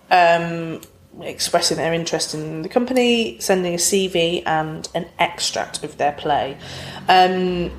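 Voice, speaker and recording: A woman with a low voice explains her theatre work in casual interview talk. She is brisk and practical. The room around her rings with a noticeable echo. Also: slight background noise. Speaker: theatre company director.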